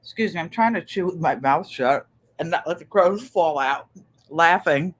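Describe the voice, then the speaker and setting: A woman's voice: lowish voice, expressive, normal speed, slightly rough. An older woman hosting a craft livestream, chatting casually and reading viewer comments aloud, with an easy laugh. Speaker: craft channel host on a livestream.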